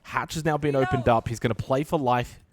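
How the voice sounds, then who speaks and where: A man giving live esports play-by-play commentary, emphatic and excitable in delivery. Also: mid-range voice, fairly quick, background noise. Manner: excitable, emphatic calls in big moments.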